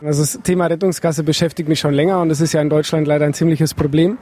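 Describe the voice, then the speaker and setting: A man's voice: on the high side, flat delivery, fast, mellow, slight background noise. A man who leads a film workshop, answering interview questions casually with some hesitation and fillers. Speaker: workshop leader.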